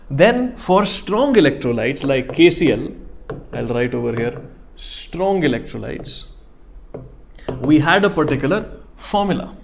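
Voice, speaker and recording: A man's voice: a little high, vocal fry, a little hiss or hum. A man with a North Indian accent giving a live lecture as an online teacher, explaining step by step and repeating key phrases with Hindi check-in tags.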